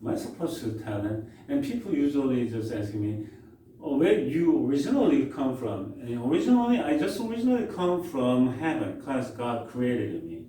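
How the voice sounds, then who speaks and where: A man lecturing in English with a Korean accent, his mellow voice sounding distant in a very echoey room with faint background hiss. He tells stories in a loose, conversational way, often restarting his sentences. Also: mid-range voice, very animated. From South Korea. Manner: anecdotal, conversational, halting restarts. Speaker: professor. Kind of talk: university lecture. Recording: echoey room, far from mic, faint noise.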